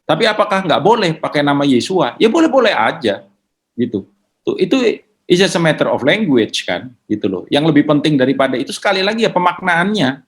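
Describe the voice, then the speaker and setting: A man answering questions in a relaxed, conversational teaching manner, mixing in English words. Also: on the high side. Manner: casual, mixes in English words.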